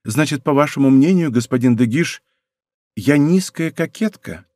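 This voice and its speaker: A man voicing a proud young princess in an audiobook, speaking softly, calmly and deliberately in a dry studio sound. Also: fairly high pitch, no echo, lightly acted. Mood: quiet, composed. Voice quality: soft, hushed. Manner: calm, deliberate and quietly firm. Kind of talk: audiobook character voice.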